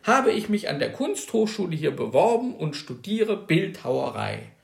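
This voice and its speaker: A man voicing a calm young woman, an art student and mother, who answers briefly and matter-of-factly. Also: high-pitched, a little slow, gravelly, reverberant, exaggerated voice.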